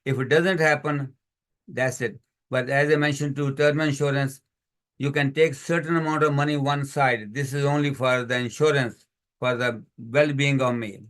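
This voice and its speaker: A man with a medium-pitched, slightly bright voice teaches a community money workshop on a video call. As a financial educator, he lays out examples one after another in lists, using non-native English phrasing.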